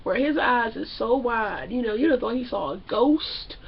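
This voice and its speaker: High-voiced brash woman recapping a show. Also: expressive, moderate pace, breathy edge, highs cut off. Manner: brash, profane, mimics the people she recaps. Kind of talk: casual comedic TV recap.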